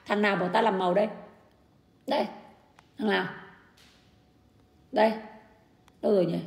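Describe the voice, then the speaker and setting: An indignant woman rants on a livestream, talking fast in a fairly high, gravelly voice. She answers her critics bluntly and argumentatively, and her voice rings in an echoey room. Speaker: livestreamer defending her husband. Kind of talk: livestream rant.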